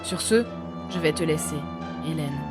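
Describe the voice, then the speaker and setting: A woman voicing a gruff middle-aged male detective who speaks firmly and curtly. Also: low voice, normal speed, loud music behind the voice, natural voice. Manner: firm and curt.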